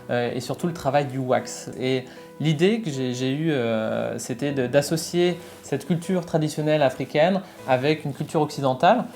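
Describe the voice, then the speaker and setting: A man's voice: mid-range voice, darkish tone. Hesitant French man, many fillers. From northern France. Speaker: fashion brand co-founder. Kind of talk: casual promotional interview.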